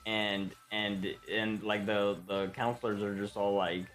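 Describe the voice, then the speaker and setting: A man's voice: on the low side, little pitch movement, unhurried, a bit bright, faint music behind. A man chatting casually on a game stream, rambling and joking with lots of swearing.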